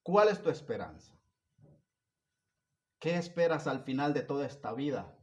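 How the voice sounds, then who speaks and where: A man preaching a sermon, moving between loud emphatic stretches and soft hushed ones, asking the congregation repeated questions. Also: medium pitch, very animated, measured pace.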